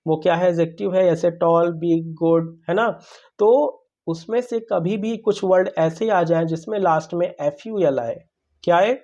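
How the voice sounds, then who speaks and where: A man's voice: sits high, warm tone, muffled recording. A man teaching English grammar, who keeps asking questions and answering them himself and calls his listeners brother. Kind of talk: classroom-style grammar lesson.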